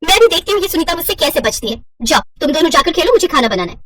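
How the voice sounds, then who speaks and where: A woman's voice: very high voice, sing-song, racing, no room sound, far from the mic, pitched above the performer's own voice, full character voice. A woman voicing a quarrelsome, suspicious young mother in a cartoon story. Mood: scolding. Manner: sharp, suspicious.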